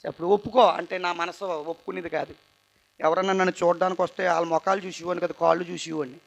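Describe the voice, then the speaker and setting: A young man with a high voice gives an emotional church testimony. He sounds tired but earnest, rising to loud bursts and dropping to quiet asides as he preaches. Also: little pitch movement, fast, creaky. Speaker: testimony speaker at a church youth meeting.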